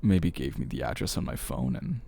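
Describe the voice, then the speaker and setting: A man with a deep, dark, crackly-fried voice plays a confident, flirty big brother in an intimate ASMR roleplay, teasing in a familiar, close-by way. His delivery is very animated in a full character voice, while the mood stays soft and probing.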